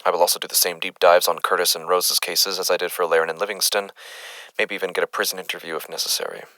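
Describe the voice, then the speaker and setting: A man's voice: low voice, level tone, fast, bright, forceful tone, no room sound, rough recording. A man playing an uneasy, methodical doctor who records case findings formally and hesitantly in a horror audio drama. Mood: uneasy, resolute.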